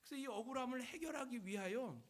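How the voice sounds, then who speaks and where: A male pastor preaching a sermon in an animated, conversational way. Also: extremely high pitch, fast talker.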